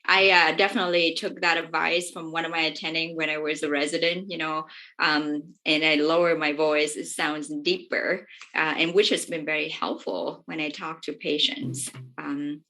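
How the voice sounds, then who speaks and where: A woman doctor wraps up an online workshop on a video call. Her voice sits low but sounds bright, and her speech is full of ums and uhs. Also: level tone, normal speed. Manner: hesitant, many fillers.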